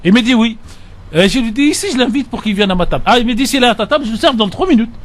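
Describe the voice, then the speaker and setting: A man's voice: very high-pitched, very fast. A man speaking as a radio studio guest in a debate, telling anecdotes animatedly and acting out the dialogue. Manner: animated storyteller, acts out dialogue.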